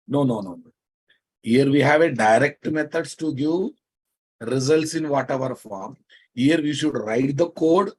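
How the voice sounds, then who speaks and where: A man with a slightly rough, husky voice and a Telugu accent from India gives a live programming lecture. He is emphatic and instructive, restating key phrases and checking on his class with pointed questions. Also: medium pitch, measured pace. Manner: emphatic, repeats phrases and prods listeners with questions. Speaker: software teacher.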